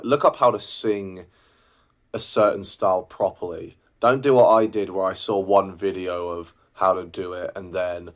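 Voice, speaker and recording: This twenty-something singer who vlogs has a deep, low voice and chats to camera in a relaxed, personal manner. He drifts a little, stalling on fillers and starting sentences over while he sorts out his thoughts.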